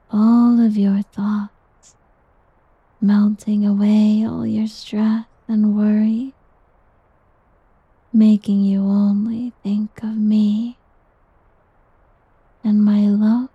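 A woman's voice: mid-range voice, little pitch movement, extremely slow, pauses often, no echo, exaggerated voice. A woman whispering as a doting slime creature. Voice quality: breathy. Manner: soft whispering, teasing and coaxing. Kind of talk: ASMR roleplay. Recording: dull lo-fi audio.

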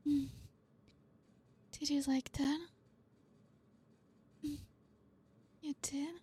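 A young woman whispering softly in an intimate ASMR roleplay, reassuring and coaxing, with frequent low hums. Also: flat delivery. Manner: soft unvoiced whispering, slow and soothing.

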